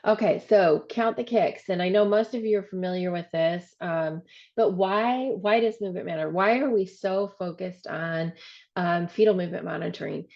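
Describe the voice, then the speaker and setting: A woman director giving a webinar training, explaining step by step with frequent "um" and "so", her voice showing some vocal fry. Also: lowish voice, moderate pace, a little mellow, highs cut off. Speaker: program director presenting a training. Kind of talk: webinar presentation.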